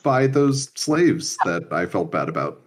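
Tabletop player, mid-low pitch, hesitant and stammering. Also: big pitch swings, unhurried, background noise. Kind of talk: casual chat in a tabletop game.

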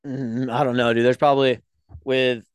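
A young man co-hosting a casual podcast chat, telling animated stories and swearing freely. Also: mid-range voice, moderate pace, clear, resonant tone, no echo. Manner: animated storyteller, swears freely, acts out quotes. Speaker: podcast co-host.

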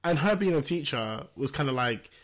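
A young man hosting a podcast, relaxed and chatty, with plenty of fillers, raising his voice to act out quotes. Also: mid-range voice, moderate pace. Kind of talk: casual podcast chat.

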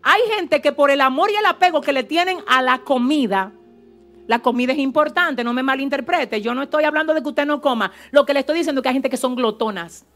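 A woman pastor preaching a fervent, animated sermon in a church service, with asides to the congregation. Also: high voice, brisk, soft background music.

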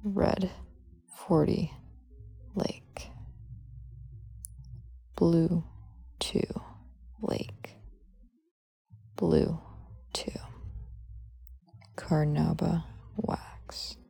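A woman hosting a sleep podcast, whispering slowly and softly as she reads lists item by item. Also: sits low, fairly even intonation. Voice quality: breathy, husky whisper. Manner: slow soft whisper, reading list items one by one. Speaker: podcast host.

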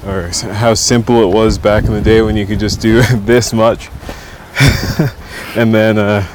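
A man's voice: on the low side, little pitch movement, measured pace, background noise. A man co-hosting a podcast, telling stories in casual chat while walking outside, wry and laughing mid-sentence. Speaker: podcast co-host. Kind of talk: casual storytelling chat outdoors.

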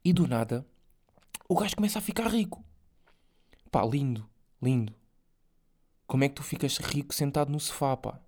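This is a young man with a European Portuguese accent, rambling through a solo podcast monologue. His speech is loose and slangy, packed with fillers and the odd swear word. His voice is dark and mellow at a middle pitch. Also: animated, normal speed, pauses often. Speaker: podcast host.

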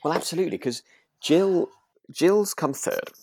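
A British man co-hosts a podcast, chatting casually in a hesitant, meandering way. His voice is a little high and expressive, somewhat slow, with a darkish tone and a breathy edge.

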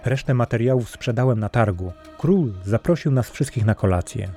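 A man tells a fairy tale in a calm, even storybook voice. His tone is dark and mellow, pitched in an ordinary middle range, with soft music faintly under it. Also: moderate pace. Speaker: audiobook narrator. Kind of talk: scripted storybook narration.

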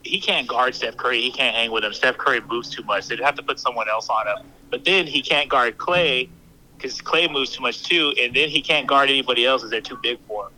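Guy on speakerphone, super bright tinny voice, chill but sure of himself. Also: medium pitch, fairly quick, a little hiss or hum. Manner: relaxed, sure of his opinions. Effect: heard over a phone on speaker. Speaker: phone-in guest. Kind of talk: casual sports chat. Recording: phone speaker audio, a bit distant.

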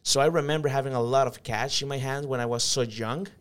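A man's voice: medium pitch, fairly even intonation, fast, clean tone. A man from El Salvador, telling his life story as an interview guest in an earnest, reflective way with hesitant fillers. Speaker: interview guest, company manager.

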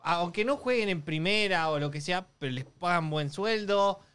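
A man chatting on a podcast who keeps questioning and arguing his point. His voice is bright and crisply clear, pitched a little high. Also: animated, moderate pace. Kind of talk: casual chat.

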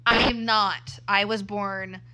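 Her voice is medium in pitch, slow, and flat in delivery, heard against a noisy background with the mic too close. She's a woman in her twenties co-hosting a casual podcast, rambling, self-correcting, and laughing often.

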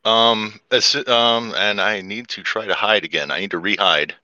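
A man's voice: lowish voice, fairly even intonation, normal speed, bright, forceful tone, no room sound, highs cut off. A man playing a tabletop role-playing game, talking through his moves with fillers and the odd swear. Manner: hesitant, swears, many fillers. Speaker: player. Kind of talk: tabletop game play, casual.

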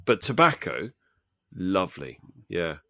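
A man's voice: sits low, very animated, measured pace, gravelly, a bit bright. A man co-hosting a podcast in casual chat, giggly and enthusiastic with short reactions. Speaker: podcast co-host.

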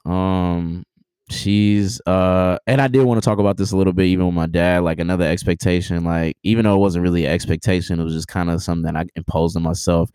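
A man in his twenties, a podcast guest, talking in a relaxed, rambling, slangy way with many fillers and restarts. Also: deep voice, fast, clear, resonant tone, no echo. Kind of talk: casual interview chat.

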